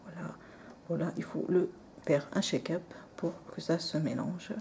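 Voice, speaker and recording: A woman casually showing off nail polish on camera, soft-spoken and apologetic, often dropping into near-whispers. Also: low-pitched, fairly even intonation, moderate pace, creaky, a little hiss or hum. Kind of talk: casual show-and-tell.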